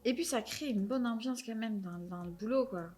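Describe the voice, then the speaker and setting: A young adult woman from France, hosting a podcast in relaxed, talkative conversation with a guest. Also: on the high side, normal speed, soft background music. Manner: chatty, self-described chatterbox. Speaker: podcast host. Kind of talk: casual chat.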